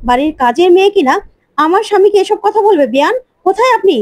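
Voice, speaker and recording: A woman's voice: extremely high pitch, animated, quick pace, a little mellow, no echo, pitched above the performer's own voice. A woman voicing a haughty, outraged middle-aged mother.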